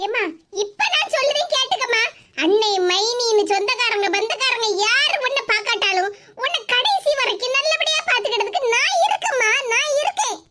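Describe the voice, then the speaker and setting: A woman's voice: very high voice, lively intonation, fairly quick. A woman playing a doting daughter in a comic village skit, coaxing and soothing in a Kanyakumari Tamil accent. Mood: reassuring. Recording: loud background noise.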